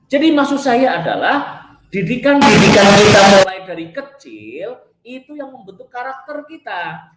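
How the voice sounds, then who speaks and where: Diet coach lecturing viewers, scolding and rhetorical, mid-pitched voice in an echoey room. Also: lively intonation, moderate pace, heavy background noise. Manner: emphatic, asks rhetorical questions and answers them; keeps addressing listeners as friends, blunt and scolding. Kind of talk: motivational talk to viewers. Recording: roomy echo.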